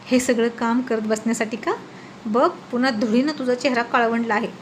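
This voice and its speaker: A woman voicing a quick-tempered young husband who scolds his wife. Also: fairly high pitch, fairly even intonation, slight background noise, lightly acted. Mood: angry.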